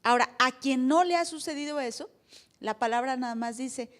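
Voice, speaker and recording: Mexican woman pastor, high-pitched, playful sermon delivery, throws questions at the congregation. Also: moderate pace. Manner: playful, asks the congregation questions, acts out little dialogues. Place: church service before a congregation.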